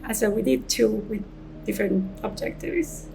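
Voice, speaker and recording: A woman scientist from Colombia, answering interview questions at an unhurried pace and restarting phrases as she goes. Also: medium pitch, vocal fry, warm tone, faint music behind, poor audio. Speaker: senior marine scientist.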